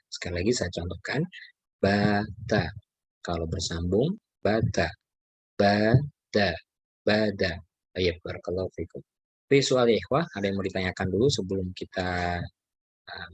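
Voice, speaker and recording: A male Quran reading teacher with an Indonesian accent leads a lesson on Arabic letters. His voice is very low and slightly husky, and it sounds dry and close to the mic. He repeats syllables slowly and patiently so students can drill them. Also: dry recording.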